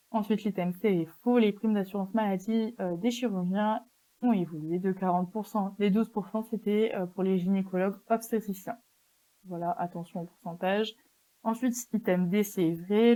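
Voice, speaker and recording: A woman's voice: mid-range voice, dark tone, rough recording. A young woman with a French accent going over exam answers as a student tutor, hesitant, with many fillers and restarts. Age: young adult. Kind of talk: exam correction walkthrough.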